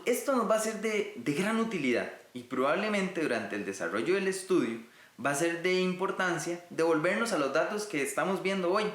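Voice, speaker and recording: A man's voice: a little high, fairly bright tone, roomy sound. A man from Rica, teaching a recorded Bible lesson in an earnest way and speaking directly to his listeners. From Costa Rica.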